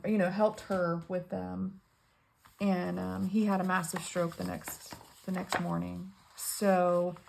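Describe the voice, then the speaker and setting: An older woman hosting her budgeting vlog, talking in a casual, halting way with many pauses and ums, close to tears. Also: on the low side, creaky, darkish tone. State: tearful, on the edge of crying. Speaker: budgeting channel host. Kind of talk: casual personal vlog talk.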